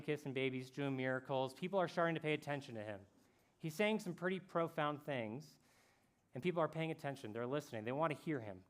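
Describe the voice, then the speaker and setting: A man with a slightly high voice gives a youth camp talk, telling a story in casual slang. His delivery swings between loud bursts and hushed moments.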